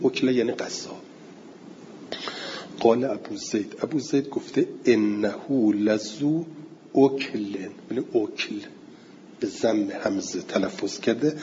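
A man teaching a class, explaining word meanings step by step, asking and answering his own questions and slowing down to recite verse. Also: medium pitch, mellow, long reverb tail, muffled recording, a little hiss or hum. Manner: slows down to recite Arabic verse and terms.

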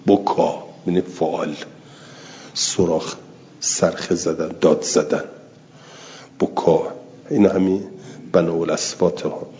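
Heard through dull lo-fi audio with long reverb, a man with a deep, mellow voice goes through an Arabic text one word at a time in a religious lesson. He keeps a conversational manner and repeats terms while defining them.

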